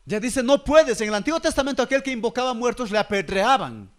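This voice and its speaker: High-voiced preacher, questioning. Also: male voice, lively intonation, fast. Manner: preaching with rhetorical questions and a repeated "¿ya?" check-in. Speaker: pastor. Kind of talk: sermon.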